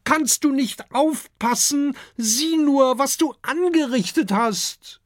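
A storyteller voicing Kokosnuss, a small boy dragon, calling out in a raised, high voice in a children's audiobook. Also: slow, no echo, studio quality. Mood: indignant, calling.

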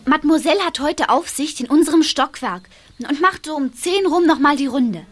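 An actress playing a lively schoolgirl who plots pranks in eager, conspiratorial chatter. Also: high voice, normal speed, lightly acted. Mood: excited.

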